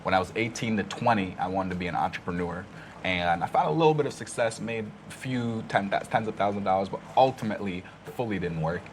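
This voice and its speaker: A man's voice: on the low side, expressive, fast, slight background noise. A man in his twenties, a podcast guest, talking earnestly and reflectively in casual conversation. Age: 20s. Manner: earnest, reflective, storytelling with laughs.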